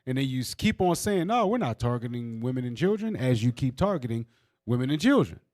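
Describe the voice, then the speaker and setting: A man's voice: medium pitch, very animated, fairly quick, a little mellow, no room sound, clean studio sound. A man speaks casually and heatedly in a group discussion, leaning on fillers. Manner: heated, uses y'all and fillers. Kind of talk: casual chat.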